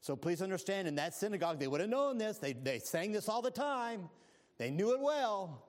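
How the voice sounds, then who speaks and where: A man preaching a sermon in a high, very lively voice. He shifts from hushed asides to loud exclamations and draws the congregation into call and response. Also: normal speed.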